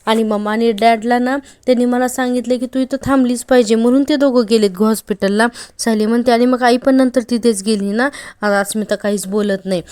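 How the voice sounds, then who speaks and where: A woman's voice: fairly high pitch, fairly even intonation, fairly quick, a little mellow, clean tone, no room sound, studio quality. A woman casually recapping a TV serial episode, chatty and speaking straight to her viewers. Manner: chatty, addresses viewers directly, frequent filler particles. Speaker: serial review host.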